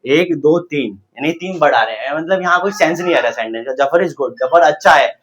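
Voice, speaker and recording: A man's voice: on the high side, lively intonation, brisk, a bit bright, a little hiss or hum. A man teaching English pronunciation in Hindi, explaining step by step and asking and answering his own questions. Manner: addresses viewers as guys. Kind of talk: Hindi-language English lesson.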